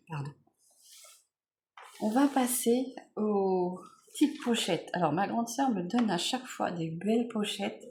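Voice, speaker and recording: A woman vlogger chatting casually while unboxing beauty products, relaxed, with many fillers and self-corrections. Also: medium pitch, slow pace, pauses often, noisy background.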